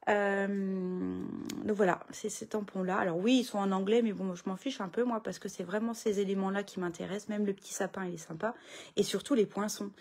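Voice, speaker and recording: A woman's voice: mid-range voice, fairly even intonation, brisk, a little mellow. A middle-aged woman, chatting casually through a papercraft tutorial from her home craft room, full of fillers and restarts.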